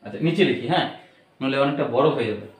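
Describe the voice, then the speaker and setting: A man's voice: medium pitch, expressive, very fast, echoey room, poor audio. A man teaching an online grammar lesson, explaining patiently step by step and checking in with repeated questions.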